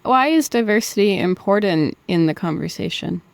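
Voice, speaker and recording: A woman's voice: mid-range voice, animated, normal speed, creaky, no echo. A woman hosting a podcast, asking questions in a friendly, conversational way. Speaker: podcast host. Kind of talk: interview questions.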